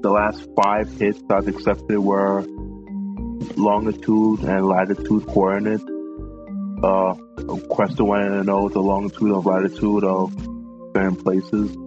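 A man from Brooklyn, New York, a college student, giving slow, monotone answers. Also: fairly low pitch, dull audio, over music.

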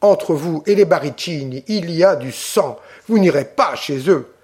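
Fierce young Corsican woman, vehement and pleading; a man voices her, slightly high voice. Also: lively intonation, a little slow, darkish tone, breathy edge.

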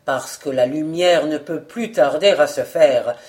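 A reader voicing a shrewd, warm, confident detective in an audiobook, speaking in an assured, fatherly, emphatic way. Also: mid-range voice, measured pace, natural voice. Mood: persuasive. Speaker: detective in a novel. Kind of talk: audiobook character reading.

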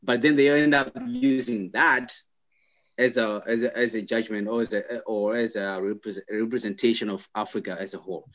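A young man from Zimbabwe, a guest in an interview, speaking thoughtfully and haltingly with many restarts and fillers. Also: fairly low pitch, steady tone, a bit bright, lo-fi sound. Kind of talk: conversational interview.

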